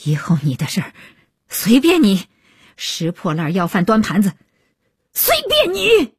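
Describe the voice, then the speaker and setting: A woman voicing an angry middle-aged mother who scolds her daughter loudly and shrilly. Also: mid-range voice, very animated, fairly quick, slightly rough, dry recording, clean studio sound, exaggerated voice. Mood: angry scolding.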